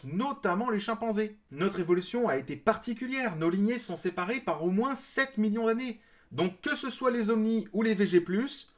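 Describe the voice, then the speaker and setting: Male creator, bright high voice, explanatory and dryly sarcastic rebuttal commentary. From France. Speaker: video creator responding to a clip.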